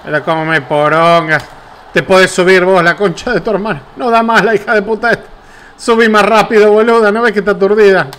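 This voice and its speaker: A man with an Argentine accent giving excitable, profane commentary while playing a wrestling video game. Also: high voice, fairly quick, smooth. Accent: Rioplatense Spanish. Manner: excitable, swearing, taunting the game. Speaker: gameplay streamer. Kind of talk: casual gameplay commentary.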